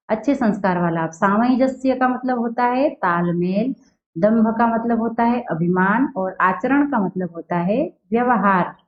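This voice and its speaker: A woman teaching a Hindi class, who asks a question and answers it herself, and slowly repeats words to show how they are said. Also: medium pitch. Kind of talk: recorded class lesson. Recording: dull lo-fi sound in an echoey room.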